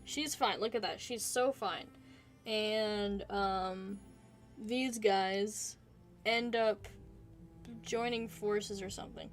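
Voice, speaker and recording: A woman's voice: medium pitch, steady tone, takes it slowly, soft background music. A woman casually improvising a story in a rambling, giggly, playfully mock-earnest way. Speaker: narrator pitching a made-up movie plot.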